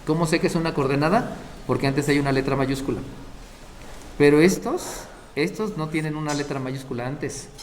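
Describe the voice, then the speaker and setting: At a moderate pace and with a little hiss or hum in the recording, a math teacher whose voice is on the high side gives a lecture. He breaks things down step by step, frequently asking the class brief questions to check understanding.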